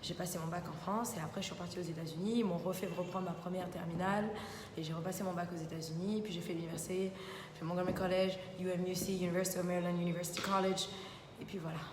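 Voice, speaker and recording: A woman's voice: on the low side, steady tone, fast. A young adult woman, a TV columnist hosting a casual live Q&A, chatting informally and often filling with repeated little interjections. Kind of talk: casual live Q&A reading viewer comments. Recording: roomy studio reverb, faint background noise.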